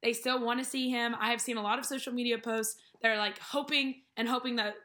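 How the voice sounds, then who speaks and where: A young American woman with a fairly high, sharp-toned voice talks briskly and steadily as a podcast co-host. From a living room, she chats informally on the casual show and freely offers her opinions.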